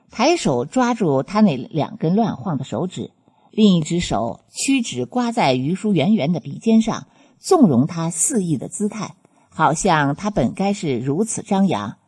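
A woman narrates a serialized novel with expressive, storytelling delivery. Her voice sits low and warm, with a soft breathiness. The melody moves widely through each sentence. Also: slightly rough. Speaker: audiobook narrator.

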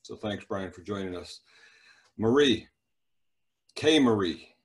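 A man's voice: lowish voice, takes it slowly. A middle-aged man hosting a church youth leaders' video call, chatting casually and introducing people. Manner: relaxed, chatty, many fillers.

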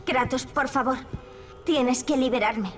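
Pleading young captive in a video game, insistent, heard from a distance over game music. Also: female voice, sits high, a little slow. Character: young woman pleading to be freed.

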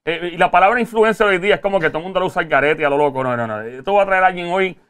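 Fast-talking Puerto Rican male host. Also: high-pitched, clean tone. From Puerto Rico. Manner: joking, lively banter with slang. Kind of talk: casual interview chat.

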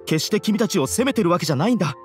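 A man's voice: sits high, very animated, very fast, a little mellow. A man voicing an anxious, dejected young student in an anime game, hesitant and earnest. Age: young adult. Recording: music under the voice.

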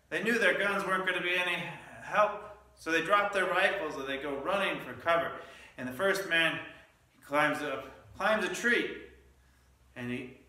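Recorded from a distance in an echoey church sanctuary, a pastor delivers a midweek Lenten sermon. His voice runs on the high side with a sharp tone, and he tells stories full of asides and small restarts.

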